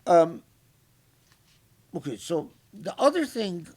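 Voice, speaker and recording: A male scholar gives a commentary lecture at a slow, unhurried pace. He thinks aloud, breaks off and restarts his phrases, and slips short recited Arabic lines in between his English explanations. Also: sits high, very animated, a little mellow. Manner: halting and reflective, with frequent restarts. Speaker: scholar giving Quran commentary.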